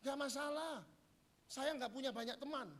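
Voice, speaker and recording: High-voiced preacher man. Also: normal speed, a bit bright. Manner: humorous, acts out quoted dialogue. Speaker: pastor. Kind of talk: sermon. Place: church.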